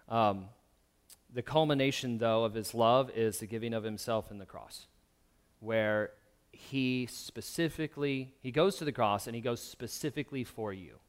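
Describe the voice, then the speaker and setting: A male pastor delivers a sermon in an everyday speaking voice, at a middle pitch. He talks conversationally, with plenty of ums and restarts as he tells stories to his congregation. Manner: conversational preaching with fillers and restarts.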